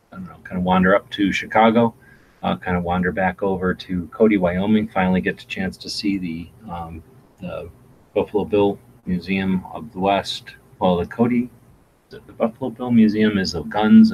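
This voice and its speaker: A man's voice: low voice, steady tone, normal speed, darkish tone, lo-fi sound, a little hiss or hum. A man hosting a casual live-stream chat, rambling along with many fillers and restarts. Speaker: gun channel host. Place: home in Arizona.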